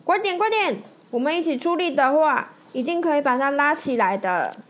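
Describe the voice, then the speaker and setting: A woman's voice: high-pitched, lively intonation, normal speed, pitched above the performer's own voice. A woman voicing a cheerful, kind male tow truck from a storybook, calling out eagerly to his friends. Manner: eager, shouting encouragement.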